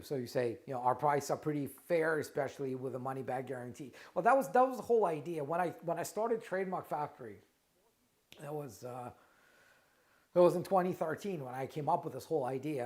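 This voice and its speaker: Speaking with a Russian accent, a middle-aged trademark lawyer and founder hosts a relaxed live Q&A stream in a voice a little high for a man and slightly mellow. His talk is conversational, with frequent restarts, repeated words and a recurring "right?"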